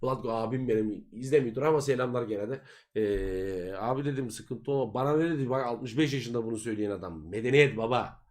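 A man live streaming, chattering nonstop to his viewers in expressive, complaining, swear-filled slang. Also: medium pitch, fairly quick. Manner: foul-mouthed, slangy. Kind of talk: casual livestream chat with viewers.

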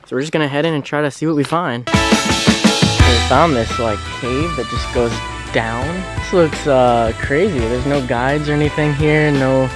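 Talking unhurriedly in a mid-range voice over loud background music, a young man from the US narrates his travel vlog straight into an arm's-length handheld camera. He's chatty and leans heavily on "like," moving between forest trails and an indoor room.

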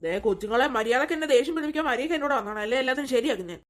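A woman's voice: high-pitched, lively intonation, rapid-fire. A woman voicing a menacing male kidnapper in a cartoon, luring children with sweets and then threatening them. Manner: threatening, taunting, mocking laugh.

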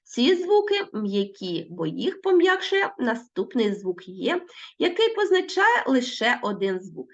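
Woman teacher, recorded school lesson, instructive, spells out sounds, animated pitch, dull lo-fi audio.

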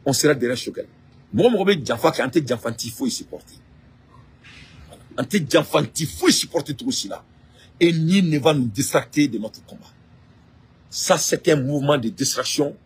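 A man's voice: a little high, animated, moderate pace, pauses often, breathy edge. A man from Mali with a Malian French accent gives an impassioned political address, repeating phrases and asking rhetorical questions as he switches between French and Bambara. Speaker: political activist.

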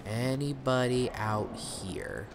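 Animated man doing casual gameplay commentary. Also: mid-range voice, takes it slowly. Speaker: gamer, let's player. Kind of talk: casual let's play commentary. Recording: clearly noisy, game ambience behind.

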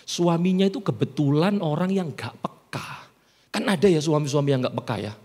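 A middle-aged pastor with a high, very lively voice that leaps around as he tells stories. He jokes and teases the congregation, and his words ring through a reverberant church hall. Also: normal speed. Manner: storytelling, joking, playful with the congregation. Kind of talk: sermon.

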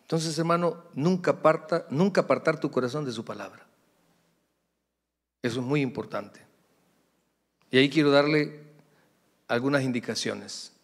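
A man's voice: mid-range voice, moderate pace, long pauses, long reverb tail. A middle-aged man, a pastor preaching a sermon in a conversational way with humorous asides to the congregation. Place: church sanctuary.

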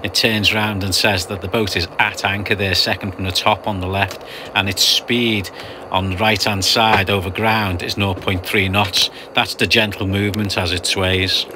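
A man with a somewhat low voice talks through a sailing passage in a relaxed voice-over. He explains things patiently and slips in dry jokes. A clear, steady hiss runs under the recording. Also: normal speed. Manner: chatty, explanatory, dry humour. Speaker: sailing vlogger narrating a passage.

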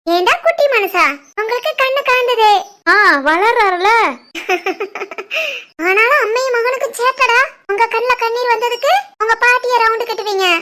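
A woman voicing a kindly middle-aged aunt who soothes and gently teases, with a Tirunelveli Tamil accent. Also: very high voice, a little slow, heavily acted. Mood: amused.

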